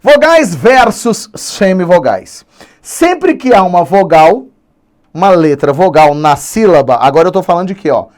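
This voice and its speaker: Animated Brazilian male teacher. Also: high-pitched. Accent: Brazilian Portuguese. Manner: animated, stretches key words slowly for emphasis. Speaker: Portuguese teacher. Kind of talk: online grammar lesson.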